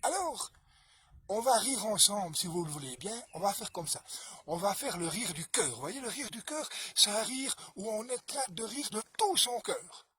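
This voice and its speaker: Sex: man. Role: storyteller. Style: oral folk tale. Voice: high and bright. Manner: expressive, from hushed to loud. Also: normal speed, husky.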